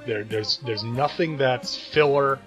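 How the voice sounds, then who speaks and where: A man's voice: mid-range voice, slow, fairly bright tone, soft background music. A man co-hosting a podcast, talking through an album thoughtfully with many restarts and fillers. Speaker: podcast co-host. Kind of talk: casual album discussion.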